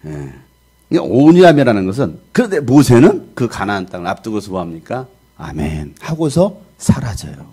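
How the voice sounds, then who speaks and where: A middle-aged male pastor preaching a sermon, loud and given to shouting, acting out the voices of the people in his stories. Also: medium pitch, big pitch swings, brisk, slightly rough.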